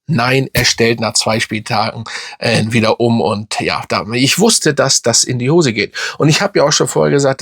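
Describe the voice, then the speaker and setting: A man's voice: medium pitch, no echo, clean studio sound. A young man who hosts a football fan channel, giving a frustrated, rambling match reaction full of fillers and restarts.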